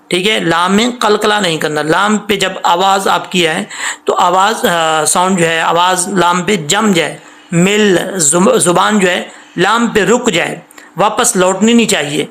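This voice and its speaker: A man's voice: sits high, vocal fry, fairly bright tone. A man with a Pakistani Urdu accent giving a patient tajweed lesson, explaining letter sounds and drawing out demonstration syllables. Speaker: Quran recitation teacher.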